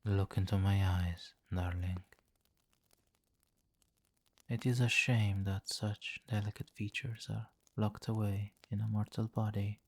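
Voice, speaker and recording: In an ASMR roleplay, a man plays a seductive, domineering vampire king, softly commanding and condescending as he coaxes in a hypnotic murmur that often drops nearly to a whisper. His voice is on the low side and level, a little slow, with hardly any pauses and no room sound.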